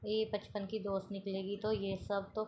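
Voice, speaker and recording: A woman's voice: mid-range voice, level tone, moderate pace, a little mellow, a little hiss or hum, lightly acted. A woman reading as a mischievous teenage girl. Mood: teasing.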